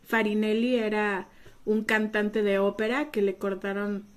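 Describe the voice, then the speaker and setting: A woman's voice: medium pitch, flat delivery, unhurried. A woman co-hosting a podcast, chatting casually and restarting her sentences often. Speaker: podcast co-host. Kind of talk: casual conversation.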